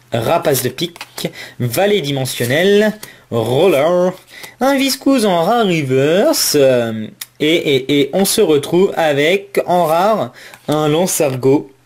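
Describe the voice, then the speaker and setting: A man hosting a casual card-opening vlog, listing card names in a running commentary and talking excitedly to his viewers. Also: a little high, slow pace. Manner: excitable, exclamatory, addresses viewers as friends.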